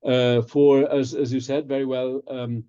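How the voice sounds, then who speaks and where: A man's voice: mid-range voice, level tone, unhurried, dark tone, clean tone, dry recording. Man on a patchy, muffled video call. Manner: hesitant, many ums and restarts. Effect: remote talk over a patchy video call link. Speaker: presenter answering audience questions. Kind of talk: conference talk and Q&A.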